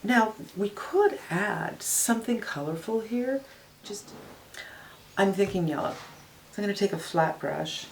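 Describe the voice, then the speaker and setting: A woman's voice: medium pitch, animated, a little slow, slight background noise, rough recording. An older woman narrating a casual makeup tutorial, giving a frank, matter-of-fact review of eyeshadows as she swatches and applies them. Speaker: beauty vlogger.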